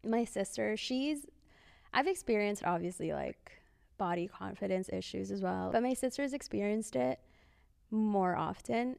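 A woman's voice: mid-range voice, gravelly, a little mellow, smooth, dry recording, studio quality. A young woman chatting casually as a podcast co-host. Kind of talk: casual chat.

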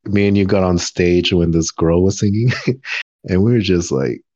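A young adult man hosting a casual podcast chat, playful and quick to laugh. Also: sits low, warm tone, no room sound, muffled recording. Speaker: podcast host.

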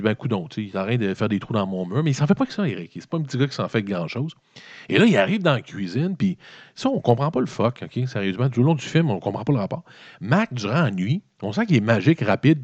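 Fast-talking Québécois man recapping a film. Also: mid-range voice, no room sound. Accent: Québécois French. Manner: swearing, animated, colloquial storytelling. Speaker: comedic movie reviewer. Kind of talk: rambling comedic film recap. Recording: dull, lo-fi dry recording.

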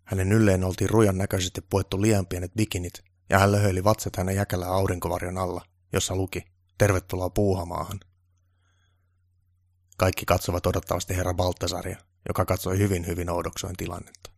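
Deep gravelly male storyteller. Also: level tone, hardly any pauses, no echo, studio quality. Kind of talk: scripted storybook narration.

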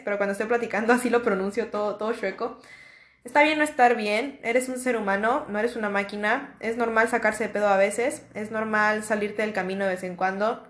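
Speaking in a mid-range, somewhat bright voice from an echoey room, this young Mexican-accented podcast host keeps things casual. She delivers a motivational monologue full of slang, reassurance, and repetition.

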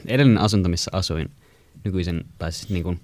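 A young man from Finland, speaking in a low voice with no echo, casually rambles through a lengthy story for friends. He fills it with verbal fillers and turns animated when quoting people.

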